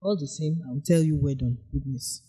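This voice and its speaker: A man with a husky voice, giving a formal, deliberate, elocutionary critique as a contest judge. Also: on the high side, dark tone.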